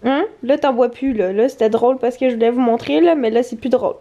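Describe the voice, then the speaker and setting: A woman's voice: fairly high pitch, fast talker, mellow, dull audio. A Québécois woman casually vlogging at home on her couch, chatty, laughing often and cooing at her dog. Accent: Québécois French. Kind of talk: casual home vlog talk.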